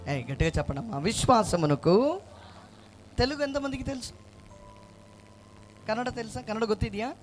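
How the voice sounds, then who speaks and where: A man from Karnataka preaching a sermon, urging the congregation to repeat after him and answer loudly. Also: very high-pitched, very animated, faint music behind. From Karnataka, India. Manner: urges the crowd to answer loudly, repeats verses slowly. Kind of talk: sermon with call-and-response. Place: church gathering with a congregation.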